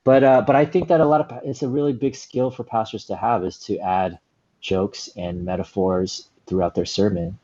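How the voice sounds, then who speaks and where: A man in his forties, a stand-up comedian, telling stories in a relaxed, rambling way with lots of "you know" and "like". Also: lowish voice, normal speed, dull audio. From Southern California, USA. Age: 40s. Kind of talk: casual interview storytelling.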